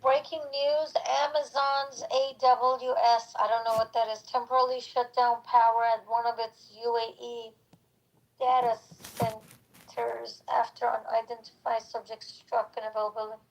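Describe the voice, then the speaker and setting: A woman in her forties with a high voice talks in a loose, unscripted panel discussion. She leans on her points and repeats words to drive them home. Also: level tone, normal speed, rough recording. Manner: emphatic, repeats herself for stress. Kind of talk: casual live discussion.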